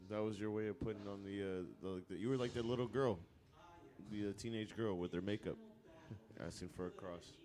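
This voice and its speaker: A man's voice: lowish voice, fairly even intonation, fairly quick, a little mellow. A man guesting on a casual movie watch-along podcast, making dry, teasing remarks.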